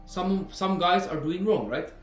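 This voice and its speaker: Brief: man, 20s, personal trainer vlogging; earnest, repetitive, high voice over faint background music. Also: a little slow, roomy sound. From Norway. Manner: earnest, repeats himself, frequent "you know". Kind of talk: earnest fitness vlog monologue.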